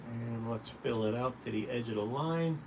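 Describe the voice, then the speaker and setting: At a moderate pace, a man with a mid-range voice gives a relaxed, folksy drawing tutorial over a livestream. He's the caricature artist running the stream, addressing viewers directly and supportively, while noisy room ambience is clearly present.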